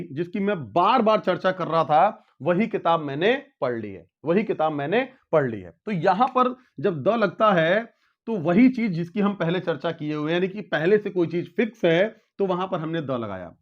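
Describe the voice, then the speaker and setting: A man with a high voice teaches a grammar lesson, going over each point again and again and calling his students children. The recording is muffled and lo-fi. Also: animated, moderate pace. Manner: explains with repetition, addresses students as children. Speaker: English teacher.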